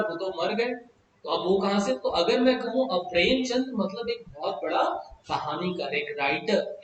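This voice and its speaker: A man with an Indian accent teaching an English grammar lesson, mixing Hindi with English and slowly drawing out the example words. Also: sits high, a bit bright, slight background noise. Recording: very echoey room, mic far off.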